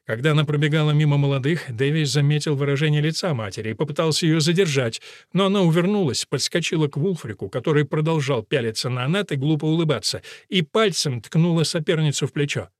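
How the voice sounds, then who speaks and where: A man reading an audiobook aloud in measured scripted narration. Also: on the high side, no echo, studio quality. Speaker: audiobook reader.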